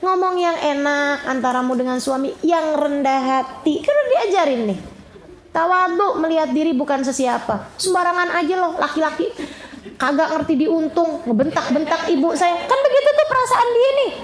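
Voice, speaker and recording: A woman preacher, animated and conversational, answering audience questions and acting out the people she quotes. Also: sits high, brisk, slight background noise. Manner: animated, acts out quoted people, often addresses listeners as friends. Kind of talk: informal religious Q&A talk. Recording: roomy echo.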